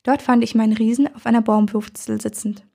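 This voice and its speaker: A woman narrating a first-person story in a calm, even storytelling manner, with a gravelly, husky voice. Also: a little high, a little fast.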